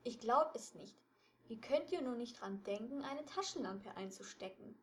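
A woman's voice: on the high side, normal speed, a little mellow, slight background noise, close to an everyday voice. A woman voicing a stubborn, commanding teenage boy who leads a trio of detectives. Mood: bossy, insistent. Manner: insistent, commanding.

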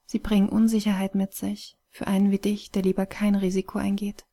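A woman voicing a weary, wise phoenix spirit that is fading away, speaking calmly and softly in an audiobook reading. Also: medium pitch, fairly quick, lightly acted. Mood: gentle, sorrowful.

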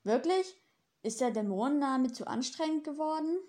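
A woman voicing a gentle, well-meaning male angel in an audiobook, earnest and primly polite. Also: high-pitched, lively intonation, moderate pace, pitched above the performer's own voice. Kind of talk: audiobook character reading.

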